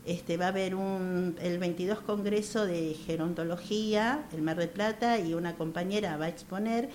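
A woman in her sixties with an Argentine accent, speaking earnestly as a radio interview guest, repeating phrases and pausing to hesitate. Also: on the low side, a little mellow, slight background noise. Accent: Argentine Spanish. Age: 60s. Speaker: guest, activist for older women.

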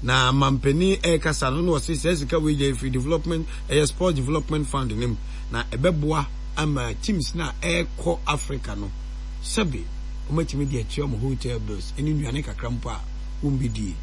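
A man from Ghana reading sports news on the radio in a steady broadcast delivery. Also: medium pitch, moderate pace, a little hiss or hum.

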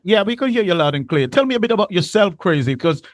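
Laid-back male host, higher voice. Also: fast, no room sound. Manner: relaxed, calls guests "man". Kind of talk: casual talk show hosting.

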